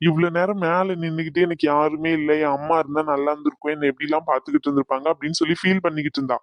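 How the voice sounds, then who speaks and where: A man's voice: fairly high pitch, steady tone, very fast, dry recording, dull audio, natural voice. A man voicing a polite young man in a cartoon, respectfully explaining things to his elders. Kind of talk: cartoon voice acting.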